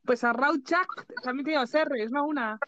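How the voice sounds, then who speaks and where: High-voiced woman with a dull-sounding recording. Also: normal speed, sharp tone, no echo. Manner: corrects patiently. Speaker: co-host teaching Basque. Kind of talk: casual chat, language tutoring.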